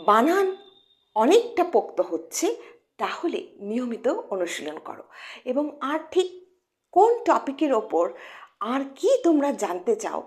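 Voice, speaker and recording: A woman teaching English pronunciation in Bengali, her first language. Her voice is high and swings widely in pitch. She keeps asking her students questions and then answers them herself. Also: a little mellow. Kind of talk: online lesson, explaining to students.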